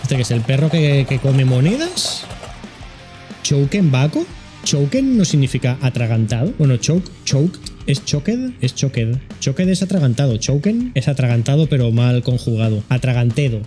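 A man with a Spain accent reacts to a video in a bouncy, animated voice that leaps up and down in pitch. He jokes, exclaims, and gives the objects he watches funny little voices. Music plays behind him. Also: moderate pace. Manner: jokey, exclaiming, voicing objects in funny asides. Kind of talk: casual reaction commentary.

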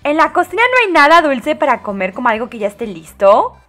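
Woman game host, bright high voice, dramatic exclamations, casual commentary. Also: brisk, faint music behind. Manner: animated, dramatic exclamations and giggles.

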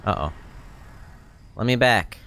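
A man in his thirties with a lowish voice talks through a video game as a streamer. He gives casual tips and running commentary on a close mic, with noticeable noise and ambience behind him. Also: expressive, slow pace, bright, forceful tone. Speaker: game streamer and tutorial host. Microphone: close microphone on a boom arm.

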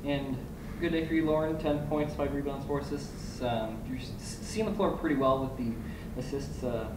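A man asking questions at a press conference, halting and restarting his sentences. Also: medium pitch, far from the mic. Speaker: reporter. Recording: echoey room, off-mic, noisy.

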